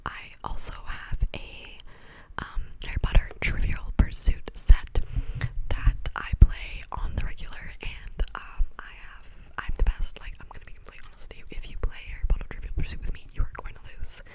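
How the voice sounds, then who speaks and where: A young adult woman in a breathy, clicky, fast ASMR whisper close to the microphone, rambling casually and repeating words and phrases. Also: rough recording. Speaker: ASMR video host.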